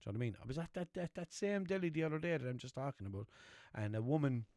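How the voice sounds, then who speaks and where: This podcast host is a young man from Ireland whose Limerick accent comes through in rapid-fire, lively speech of medium pitch and a dark tone. Casual and rambling, he curses freely and checks in with listeners by asking "know what I mean". Clean studio audio, no room sound.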